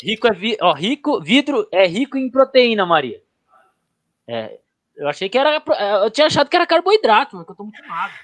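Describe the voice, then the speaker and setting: A man hosting a casual chat, telling jokey stories in a slangy, lively way. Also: sits high, fast talker. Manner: joking storyteller, lively slangy delivery. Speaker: host.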